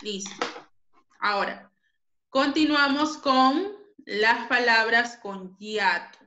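A woman teacher with a bright, fairly high voice walks pupils through a grammar lesson. She speaks slowly and repeats key points with patience. The room around her echoes. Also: dull audio, a little hiss or hum.

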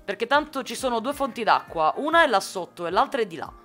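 A woman's voice: on the high side, sing-song, fast talker, fairly bright tone, soft background music. A woman from Sicily chatting casually with viewers while streaming a game, answering their comments with jokes. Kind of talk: casual live gameplay chat.

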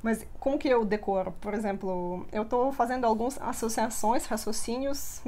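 Lively high-voiced woman teaching a lesson. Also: moderate pace. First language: Russian. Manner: lively, checks in often with the listener. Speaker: Russian language teacher. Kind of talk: live online lesson.

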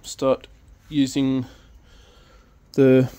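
A man talks casually through his car projects, stopping for ums and trailing restarts. His voice sits at an ordinary middle pitch. He is recorded on a phone held close in an open carport. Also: completely flat delivery, extremely slow, warm tone, clear, resonant tone. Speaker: car restoration vlogger. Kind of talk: casual vlog chat. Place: open carport at home, outdoors. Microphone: phone camera held close.

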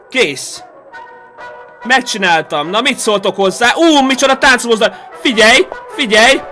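A chatty male streamer with a high, bright and sharp voice, reacting out loud to a game as he plays. He talks straight to his chat and thanks viewers as they support him. Faint game music plays softly behind him. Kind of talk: live game stream commentary.

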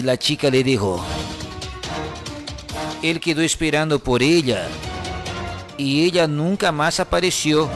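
A man voicing an older mother who drags out her sighs of pity. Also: high voice. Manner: sighing, drawn-out pity. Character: gossiping mother, woman, older, pitying.

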